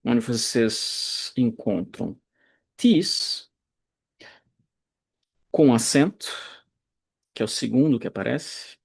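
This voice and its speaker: A man teaching Greek grammar in a recorded online lecture, explaining slowly and deliberately, pausing and correcting himself as he goes. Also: mid-range voice, creaky, a little mellow. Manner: slow, deliberate explaining with pauses and self-corrections.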